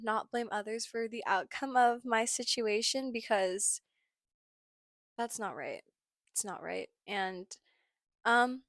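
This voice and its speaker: A young woman hosting a personal podcast, reflecting in a halting, tired way with many filler words and apologies. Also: fairly high pitch, a bit bright, no room sound, studio quality. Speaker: podcast host.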